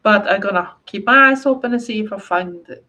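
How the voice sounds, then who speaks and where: A woman from Sweden chats casually on a livestream, answering viewer comments in English, her second language, with a Swedish accent. Her mid-range voice is fairly quick, pushed and bright, and she rambles hesitantly with many fillers and restarts.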